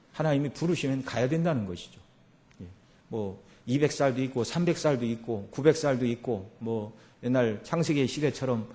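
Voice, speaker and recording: A man's voice: mid-range voice, mellow. A male pastor delivering a Sunday afternoon sermon in a conversational way, often dropping in short affirmations between points. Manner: conversational preaching with frequent filler affirmations. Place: church sanctuary.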